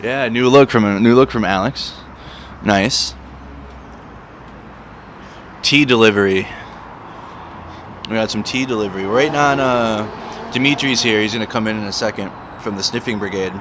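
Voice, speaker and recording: A man's voice: lowish voice, normal speed, pauses often, a bit bright. A man hosting a casual live stream, chatting and repeating words and phrases for emphasis. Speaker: livestream host. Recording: noisy outdoor city street with traffic.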